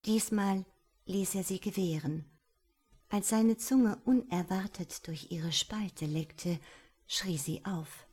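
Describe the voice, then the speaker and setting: A woman reading an audiobook in a breathy, intimate manner, at times half-whispered. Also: medium pitch, slow pace, darkish tone. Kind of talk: audiobook narration.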